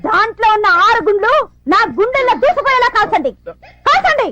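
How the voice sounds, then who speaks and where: A woman's voice: extremely high pitch, expressive, fast, heavy background noise. An actress playing a stubborn, melodramatic housewife who defiantly taunts her husband. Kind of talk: Telugu film comedy acting. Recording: dry, dull film dialogue audio.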